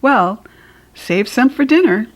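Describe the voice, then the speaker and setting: A woman voicing an easygoing, mildly puzzled mother in an animated storytime reading. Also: on the high side, slow, low-quality recording. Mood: questioning.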